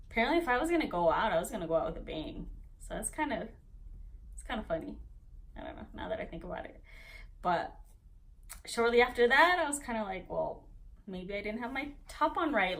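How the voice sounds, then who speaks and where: A young adult woman telling a casual story-time vlog, chatty and animated, with frequent "like" fillers. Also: mid-range voice. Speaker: vlogger.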